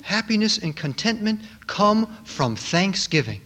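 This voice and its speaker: Male preacher, high voice, emphatic and repetitive sermon delivery. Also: very animated, a little slow, a bit bright.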